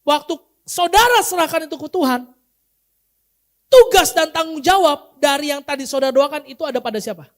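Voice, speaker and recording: A man's voice: extremely high pitch, brisk. A male pastor giving a sermon in a casual, humorous way, often quizzing the congregation. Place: church.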